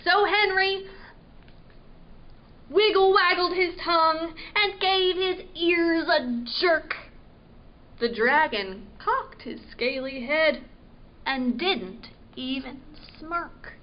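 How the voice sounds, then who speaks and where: A woman librarian reading a picture book aloud at storytime, expressive and asking her young listeners questions. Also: very high voice, takes it slowly, muffled recording. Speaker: children's librarian. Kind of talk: children's storytime read-aloud.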